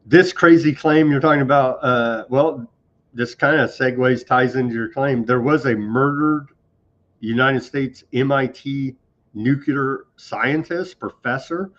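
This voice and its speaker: On a political commentary show, a male host talks in a sarcastic, conversational manner. His medium-pitched voice is slightly bright and a touch slow, and the recording has a dull, lo-fi quality.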